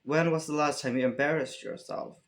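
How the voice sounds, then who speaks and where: A man's voice: a little high, fairly quick. Swedish-accented young man, rambling chat. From Sweden. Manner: relaxed, rambling, many fillers and restarts. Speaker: vlogger answering fan questions. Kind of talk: casual Q&A chat.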